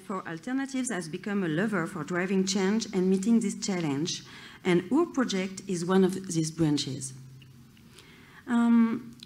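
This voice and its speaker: Casting note: French-accented woman reading her talk at medium pitch, halting, with restarts. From France. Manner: careful reading with hesitations and restarts. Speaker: conference speaker. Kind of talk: reading a prepared conference talk.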